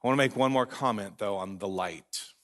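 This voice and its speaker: A man preaching a sermon as pastor, earnest and emphatic, slowing down to read scripture aloud. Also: lowish voice, fairly bright tone. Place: church sanctuary.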